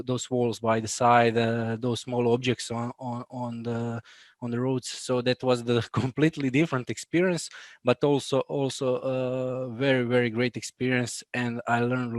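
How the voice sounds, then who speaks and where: A man in his thirties with a Croatian accent talks haltingly over a video call, full of fillers and restarts. His voice stays flat in pitch, and the recording is dry and close. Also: no room sound. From Bosnia. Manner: laughs often. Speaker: guest, BIM manager. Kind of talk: casual interview.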